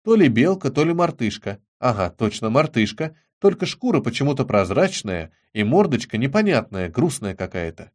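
A man narrating an audiobook in an expressive, measured reading. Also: mid-range voice.

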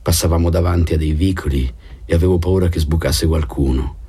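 A man reading a novel aloud in a calm, measured narration. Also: low voice, slightly rough. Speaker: audiobook reader. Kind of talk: scripted narration.

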